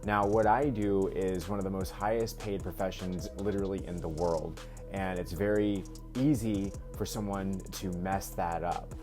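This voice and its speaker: A man in his thirties chats casually to the camera from his home workspace, rambling, repeating himself, and restarting often amid plenty of fillers. His low voice holds a steady tone at normal speed with few pauses. The room sounds echoey, and faint music plays in the background.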